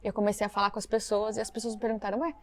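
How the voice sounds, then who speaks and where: A woman from Brazil, a missionary guest on a podcast, telling her story lively and acting out the dialogue. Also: medium pitch, rapid-fire. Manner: animated storytelling, acts out quoted dialogue. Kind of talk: storytelling interview.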